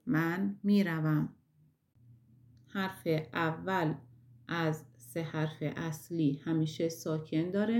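A woman teacher giving a recorded lesson, explaining step by step and slowly drawing out example words. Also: fairly low pitch, a little mellow. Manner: slow, careful explanation that stretches out example words.

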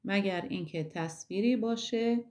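A woman teacher giving a recorded lesson, explaining step by step and slowly drawing out example words. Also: mid-range voice, darkish tone. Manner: slow, careful explanation that stretches out example words.

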